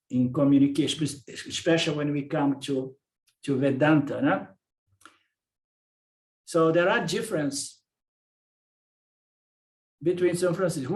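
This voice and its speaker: Brazilian-accented male teacher, slightly high voice, repeats himself and checks in often. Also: reverberant. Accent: Brazilian Portuguese. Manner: repeats words, asks "okay?" to check understanding. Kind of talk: lecture on Vedanta philosophy.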